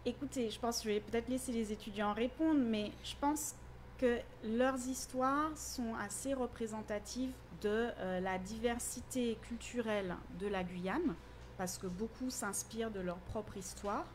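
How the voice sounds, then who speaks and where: A woman literature teacher, a guest in an interview, explaining her class's work in an articulate, measured way. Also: on the high side, a little hiss or hum.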